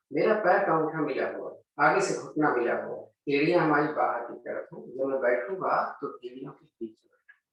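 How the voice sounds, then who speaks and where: A man teaching a yoga class, talking students through each pose step by step. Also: fairly high pitch. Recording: very echoey room, mic at a distance.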